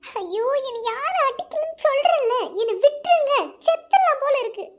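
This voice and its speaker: A woman's voice: very high-pitched, steady tone, brisk. A woman voicing a tearful, lovesick young woman in a cartoon, speaking. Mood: upset. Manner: tearful, pleading. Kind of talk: cartoon voice acting.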